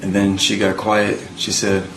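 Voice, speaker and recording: A man testifying as a witness in court, recalling events in a halting way with many pauses. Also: lowish voice, monotone, background noise. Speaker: trial witness. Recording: echoey courtroom audio from a distant mic.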